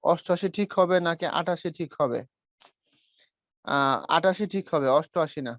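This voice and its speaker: A man's voice: a little high, normal speed, fairly bright tone, no room sound, clean studio sound. A young adult man from Bangladesh with a Brahmanbaria-tinged Bengali accent, teaching an online class and modeling sounds aloud step by step. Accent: Bangladeshi Bengali, Brahmanbaria region. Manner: explains step by step, calls students brother, models sounds aloud.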